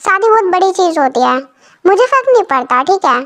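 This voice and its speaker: A woman's voice: very high voice, sing-song, a little fast, a bit bright, heavily acted. A woman voicing a possessive young male mafia boss, talking in a blunt, commanding way.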